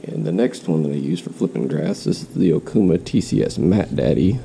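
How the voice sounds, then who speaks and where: Low-pitched and gravelly yet expressive, this fishing vlogger speaks briskly despite a stuffy nose and slight cough that leave him sounding nasal. He rambles and restarts through a casual show-and-tell at home in quarantine, against a noisy background.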